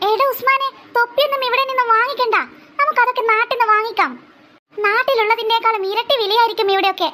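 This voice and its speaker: Patient young cartoon mom smoothing things over, malabar accent, squeaky high, voiced by an actor. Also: fairly even intonation, fast talker, bright, forceful tone. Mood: placating. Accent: Malabar Malayalam. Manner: soothing, placating. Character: patient young mother calming her son.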